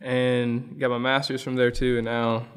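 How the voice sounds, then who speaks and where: Relaxed young man with a resonant voice. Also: medium pitch, measured pace, smooth, in a large hall. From Illinois. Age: young adult. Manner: relaxed, rambling storytelling with many fillers. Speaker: guest. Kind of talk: casual conversation.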